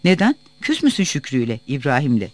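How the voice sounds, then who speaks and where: A man's voice: medium pitch, huge pitch swings, fast talker, no echo. A man voicing a bossy, bullying middle-aged village headman who barks orders. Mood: suspicious. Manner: loud, bullying.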